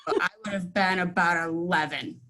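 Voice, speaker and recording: A woman's voice: lowish voice, fairly even intonation, moderate pace, sharp tone, a little hiss or hum. A woman from central Illinois sharing a childhood story on a video call in a friendly, rambling way, with lots of fillers. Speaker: meeting participant. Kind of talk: casual storytelling.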